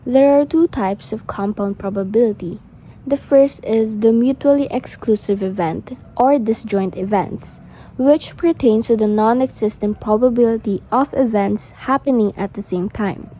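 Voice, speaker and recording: Woman reading explainer script, mellow voice, faint noise behind. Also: fairly high pitch, normal speed, low-quality recording. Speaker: narrator. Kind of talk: scripted educational narration.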